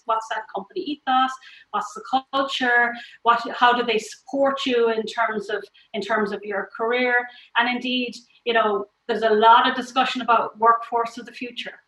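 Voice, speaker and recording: A woman's voice: on the high side, bright, forceful tone, echoey room, rough recording. A woman giving explanatory, conversational interview answers over a video call. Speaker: tech industry interviewee.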